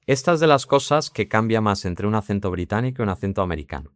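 A man's voice: on the low side, lively intonation, fast, no room sound, studio quality. A man with a Spain Spanish accent teaching English pronunciation in a casual explanatory way, demonstrating words as he goes.

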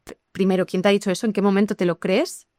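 Lively woman explaining. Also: medium pitch, fast talker, dry recording, studio quality. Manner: lively, explanatory, addresses listeners directly. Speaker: English teacher. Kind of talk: podcast conversation.

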